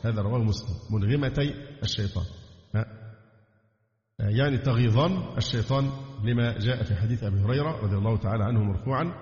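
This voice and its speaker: A man with an Egyptian accent teaching Islamic jurisprudence, reading from a text and adding colloquial explanations with pauses and fillers. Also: mid-range voice, darkish tone. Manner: reads a text aloud, then breaks off into colloquial asides with hesitations. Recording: echoey hall, dull lo-fi sound.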